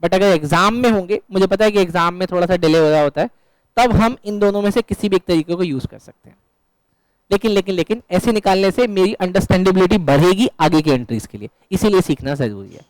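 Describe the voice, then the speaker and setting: A man's voice: sits high, quick pace. A man. He keeps quizzing his students and slips in jokes. The sound is dry and close, with almost no room echo. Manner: joking, quizzing students, mixing English terms. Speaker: accounts teacher. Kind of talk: classroom lecture. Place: classroom.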